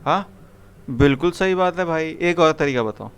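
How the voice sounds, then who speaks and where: Clear-voiced man teaching a coding class. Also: on the high side, normal speed. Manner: coaxing, repeats questions to the class. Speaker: programming teacher. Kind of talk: live classroom coding lesson.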